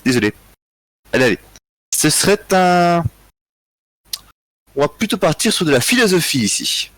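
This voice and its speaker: A man's voice: fairly high pitch, normal speed, dry recording. Tired guy running a history quiz on stream, chuckles a lot, dry mic. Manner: relaxed, joking, chuckles often, thinks aloud. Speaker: quiz host. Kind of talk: live-streamed history quiz, reading chat answers.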